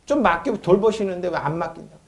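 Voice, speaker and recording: A man preaching a sermon as a pastor. He talks in an animated way, asks rhetorical questions, mocks the complaints of believers, and calls for amens. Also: sits high, fast talker. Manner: calls for amen responses.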